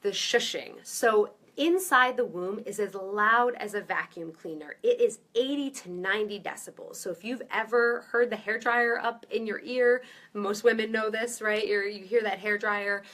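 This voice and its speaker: A woman's voice: mid-range voice, moderate pace, fairly bright tone. A woman in her thirties, a maternity nurse, teaching parents in a loose, chatty live-stream way with many fillers and restarts. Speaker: maternity nurse giving baby-soothing tips.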